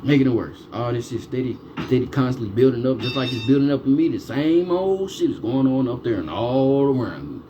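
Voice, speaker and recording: A man's voice: mid-range voice, brisk, hardly any pauses, dull audio. A man delivering a ranting monologue, swearing heavily and firing off repeated rhetorical questions. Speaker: vlogger. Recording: steady background noise.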